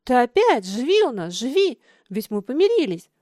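Brief: a young boy, spoiled and demanding, as a woman storyteller puts him on; high and pushy. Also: sing-song, normal speed, a little mellow, no echo, clean studio sound. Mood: pleading. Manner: insistent, pleading in turns.

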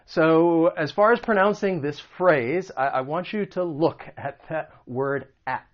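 An American man teaching English pronunciation, patiently repeating example phrases slowly. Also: on the high side, muffled recording. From United States. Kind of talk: explaining and demonstrating pronunciation.

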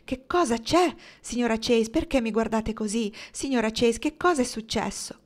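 A woman's voice: on the high side, normal speed, lightly acted. A woman reading the lines of a frightened young woman who pleads insistently for an answer. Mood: pleading.

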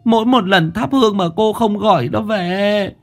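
A man's voice: sits high, normal speed, faint music behind, voice pushed up. A man voicing a grieving middle-aged mother, tremulous and tearful. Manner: emotional, tearful.

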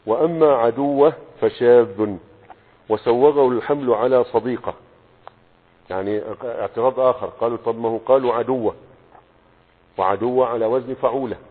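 Egyptian sheikh teaching a lesson, rapid and slightly husky, tinny recording with long reverb. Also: male voice, mid-range voice. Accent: Egyptian Arabic. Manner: asks rhetorical questions and checks understanding with "okay?". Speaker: sheikh teaching Arabic morphology. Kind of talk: explanatory lesson, reading and explaining a text.

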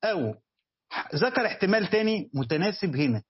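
Egyptian scholar, fairly high husky voice, lectures patiently, repeats points, quizzes the class, dull lo-fi recording. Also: male voice, very animated, a little fast. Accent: Egyptian Arabic. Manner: repeats key phrases and poses questions to students. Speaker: Islamic scholar teaching Quran commentary.

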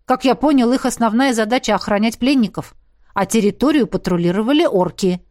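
A woman reading a touchy young male adventurer who speaks in a quick, huffy way. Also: fairly high pitch, darkish tone, no echo, studio quality, close to an everyday voice.

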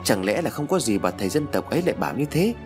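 A man's voice: medium pitch, big pitch swings, fast talker, music in the background, natural voice. Man doing a tearful anxious mother. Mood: pleading. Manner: pleading, worried.

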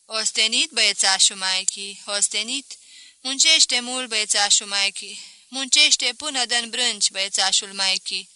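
A brash, plump widowed mother-in-law in a storybook reading, loud and teasing, a little raised in pitch, as a woman puts her on. The sound is bright and dry, close to the mic. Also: smooth, no room sound. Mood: cooing.

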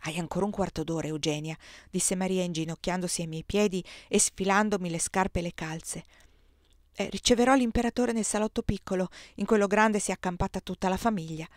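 A woman's voice: fairly quick, dry recording, clean studio sound. A woman reading a novel aloud, lifting her voice and pushing harder for the quoted dialogue. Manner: expressive, voices dialogue with rising pitch and force. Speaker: audiobook reader.

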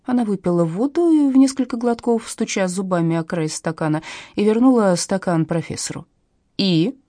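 A woman's voice: medium pitch, animated, a little fast, dark tone, no echo, studio quality. A woman narrating an audiobook in a wry storytelling manner.

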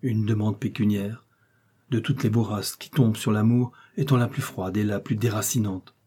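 A man reads a classic novel aloud in a measured, expressive audiobook style. His voice sits on the low side and sounds husky.

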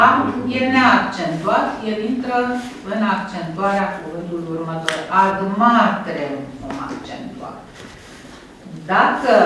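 A university lecturer giving a Latin lesson who explains patiently, slows down to sound out examples, and checks in with the class. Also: mid-range voice, background noise. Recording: very echoey room recorded from a distance.

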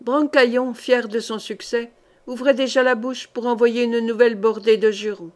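Narrating an audiobook of a historical novel, this reader has a voice that sits fairly high. Her delivery is measured and even throughout.

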